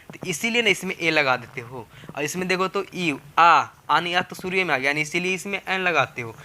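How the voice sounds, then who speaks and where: Male spoken-English teacher, very bright tone, slightly high voice, repetitive and coaxing. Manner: repetitive, coaxing, asks rhetorical questions. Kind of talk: classroom lesson explaining grammar.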